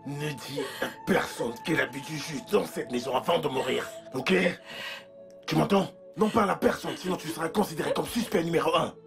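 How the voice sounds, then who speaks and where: A man dubbing a controlling husband in a French film dub, soothing but insistent as he urges his wife to stay quiet. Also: a little high, a little fast, creaky, over music. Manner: soothing yet pressing, insistent. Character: controlling husband hushing up a death.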